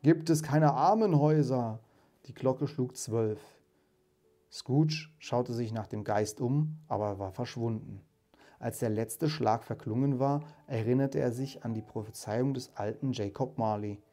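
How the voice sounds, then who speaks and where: A man reading a classic story aloud in a calm, measured way, then talking to his viewers. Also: mid-range voice. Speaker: reader and channel host. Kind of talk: audiobook reading.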